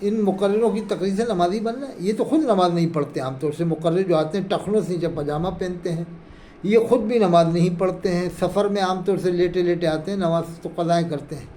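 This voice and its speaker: A man's voice: high voice, brisk, warm tone, a little hiss or hum. A man giving a religious lecture as a preacher, earnest and reproachful, asking his listeners rhetorical questions. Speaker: Islamic preacher. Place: India.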